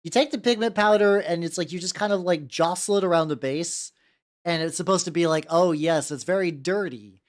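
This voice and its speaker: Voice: medium pitch, fairly quick. A livestream host chatting casually while painting miniatures, talking constantly in a rambling, foul-mouthed way.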